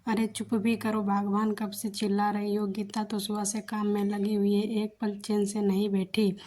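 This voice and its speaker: A woman voicing a calm, kindly older father-in-law in a narrated story, in her own flat voice. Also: medium pitch, normal speed, close to an everyday voice. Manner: gentle, mildly irritated.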